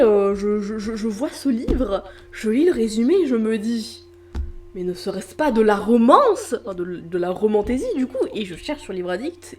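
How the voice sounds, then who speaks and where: A young woman chats casually into the camera about her reading. Her voice is warm and mellow. She rambles, restarts her sentences and fills the pauses with hesitations. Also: mid-range voice. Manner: chatty, hesitant with many fillers and restarts. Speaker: book vlogger. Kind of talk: casual vlog chat. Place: indoor room with street traffic outside.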